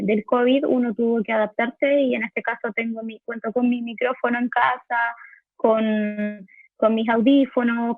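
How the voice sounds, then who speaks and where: Woman, Chilean accent, interview guest, slightly high voice, dry phone-line sound, halting repeated words. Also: no echo. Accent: Chilean Spanish. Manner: hesitant, restarts and repeats words. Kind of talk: casual interview answers. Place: home recording room.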